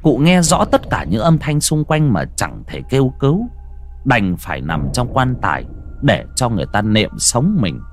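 A man narrating a ghost story theatrically, dropping to a hush and rising sharply. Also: medium pitch, sing-song, moderate pace, soft background music. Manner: theatrical, swings from hushed to loud.

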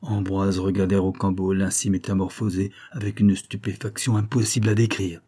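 A man narrating a classic novel as an audiobook, in a steady, measured storytelling manner. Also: sits low, breathy edge.

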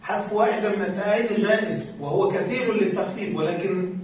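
A man's voice: high voice, fast. A male teacher giving a classroom grammar lesson, patiently quizzing his students and repeating their answers. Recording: echoey room, distant dull mic.

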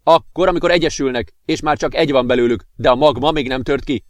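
A man voicing an earnest young male companion who explains things in a calm way. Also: mid-range voice, no echo, lightly acted.

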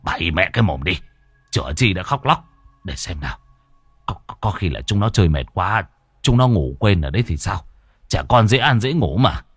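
A gruff, short-tempered village father, as a male narrator puts him on, barks rough scolding in a low voice. The sound is close and dry. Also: sing-song, moderate pace, dry recording, exaggerated voice.

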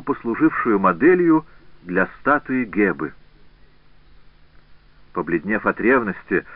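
A man narrating a historical novel as an audiobook in a measured, expressive reading. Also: on the low side, dry recording. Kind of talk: scripted narration. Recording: tinny phone-like band, dry.

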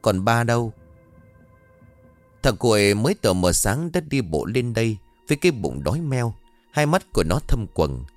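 A man, narrating a story in a dramatic, expressive way. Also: lowish voice, moderate pace, no room sound, faint music behind.

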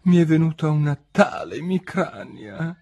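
A man's voice: on the high side, animated, normal speed, mellow, voice pushed up. A man doing a fretful, put-upon old king. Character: anxious weary old king, timid.

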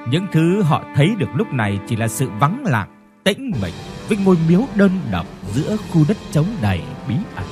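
A man's voice: on the high side, big pitch swings, moderate pace, over music. A man reading a horror story aloud in a dramatic storytelling manner. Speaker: narrator. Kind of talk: scripted horror narration.

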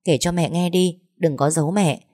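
A woman's voice: fairly low pitch, normal speed, mellow, dry recording, clean studio sound, lightly acted. A woman voicing a worried older mother in a storybook reading, asking anxious, pressing questions.

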